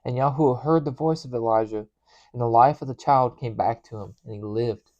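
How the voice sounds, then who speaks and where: A man's voice: medium pitch, brisk, a little mellow, dull audio. Earnest man reading scripture aloud. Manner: earnest, stumbles and restarts on names. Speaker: scripture reader.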